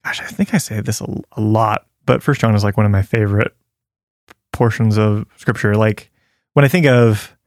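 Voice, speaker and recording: A man's voice: lowish voice, normal speed, no echo, clean studio sound. A man co-hosting a casual faith talk, reading scripture aloud and chatting earnestly with many fillers and easy laughs. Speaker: podcast co-host sharing a devotional.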